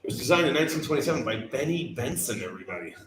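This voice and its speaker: A man's voice: mid-range voice, very animated, rapid-fire, fairly bright tone. A man hosting live bar trivia, reading out questions, cracking jokes and swearing freely. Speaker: trivia host.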